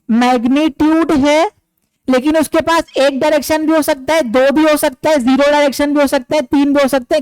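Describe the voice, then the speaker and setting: A man's voice: very high voice, dry recording, low-quality recording. A man teaching a physics class who keeps asking questions and answering them himself, calling his listeners his dear students.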